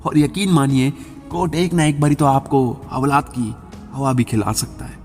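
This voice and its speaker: A man voicing a smooth-talking male lawyer who politely makes veiled threats over the phone. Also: mid-range voice, steady tone, normal speed, a little mellow, lightly acted. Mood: threatening. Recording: reverberant voice-over with background music.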